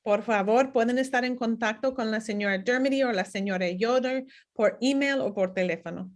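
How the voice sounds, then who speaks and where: Halting high-voiced woman interpreter. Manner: halting, searching for words. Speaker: interpreter at a town hall webinar. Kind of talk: consecutive interpreting in a public meeting.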